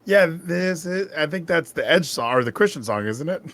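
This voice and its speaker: A man's voice: fairly high pitch, expressive, normal speed, a bit bright. A man co-hosting a live stream, ranting in an exasperated, profane way. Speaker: co-host. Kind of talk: casual live-stream commentary.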